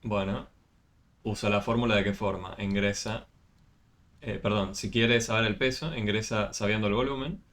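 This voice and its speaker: A man, speaking in a fairly low voice, walks a student through math on a video call. He is patient and explains step by step, with frequent fillers and small restarts. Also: steady tone, moderate pace, a bit bright. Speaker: math tutor. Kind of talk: online tutoring session.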